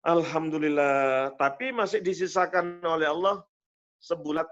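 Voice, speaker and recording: A man's voice: fairly high pitch, normal speed, a bit bright, muffled recording. A man preacher telling a moving story in a sermon, repeating phrases and pious exclamations. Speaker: Islamic preacher.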